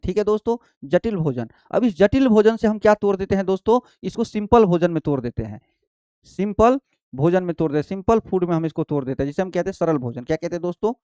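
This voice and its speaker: Man, teacher, high pitch, dry close sound, repetitive quizzing lecture. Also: darkish tone, clean tone, no echo. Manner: repetitive, quizzing, addresses students as friends and babu. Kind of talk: Hindi exam-prep lesson.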